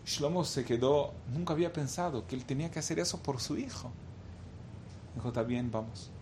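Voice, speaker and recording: A man tells a religious anecdote in a voice a little higher than typical for men. He halts and repeats words as he searches for them. A faint rumble sits under the recording. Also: fairly quick, darkish tone. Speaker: storyteller.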